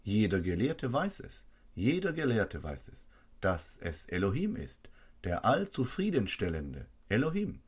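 A man preaching a sermon in a low, husky voice. His pitch swings widely, leaping up in bursts of emphasis before dropping back down. The delivery is fervent and insistent. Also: huge pitch swings, unhurried. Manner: emphatic, with sudden rises in pitch and loudness.

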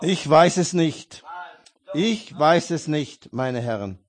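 A man speaking a sermon and prayer in German voice-over, slow, solemn and pleading. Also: a little high, expressive. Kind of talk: earnest spoken prayer and preaching.

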